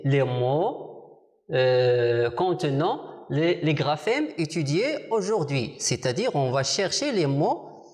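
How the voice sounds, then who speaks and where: A primary school teacher leads a televised lesson at a slow, careful pace. The voice rises and falls a lot as it asks the pupils questions. It then answers them itself and repeats key words for clarity. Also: medium pitch. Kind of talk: televised distance-learning lesson.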